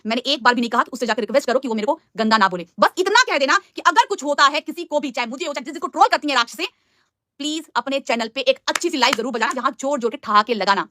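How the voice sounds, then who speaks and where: A young woman pours out a heated live-stream rant at a breakneck pace. Her voice sits high and sounds sharp and bright. The sound is dry and close, with no room around it. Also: expressive, dry recording. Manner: fast, angry and scolding, with much mocking.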